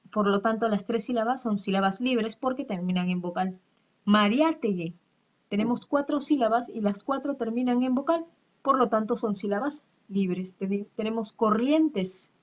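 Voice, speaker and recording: A woman's voice: medium pitch, darkish tone, lo-fi sound. A woman teacher, explaining step by step in a recorded class lesson and checking that her students follow.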